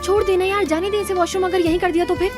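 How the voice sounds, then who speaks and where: A woman's voice: very high-pitched, steady tone. An actress dubbing a worried young woman on her engagement day in a TV drama. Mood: anxious. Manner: anxious, quick. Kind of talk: dubbed drama. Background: music.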